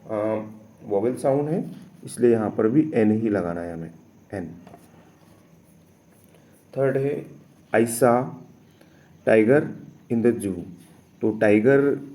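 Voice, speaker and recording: Slow, mellow-voiced male teacher. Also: medium pitch. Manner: slow, patient step-by-step explaining with fillers. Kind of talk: explaining an English test paper in Hindi.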